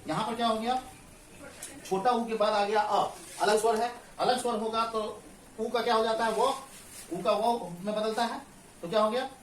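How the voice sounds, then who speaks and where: A man's voice: sits high, fairly even intonation, normal speed, a little hiss or hum. A male teacher explaining Hindi grammar step by step in a classroom lesson, often asking a question and then answering it himself. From Bihar, India. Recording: echoey room, mic at a distance.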